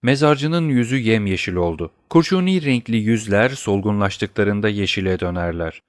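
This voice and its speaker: A man reading a classic novel aloud as an audiobook narrator, in a steady, measured way. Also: fairly low pitch, no echo, studio quality.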